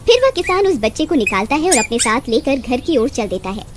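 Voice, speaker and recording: Female storyteller for scripted children's tales; high pitch, very expressive intonation. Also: brisk, noisy background.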